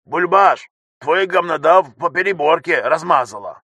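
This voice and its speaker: A man voicing a frantic young male ship technician who shouts rapid reports over the intercom, in an audiobook reading. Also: on the high side, animated, husky, dry recording, voice pushed up, exaggerated voice. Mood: shouting urgently.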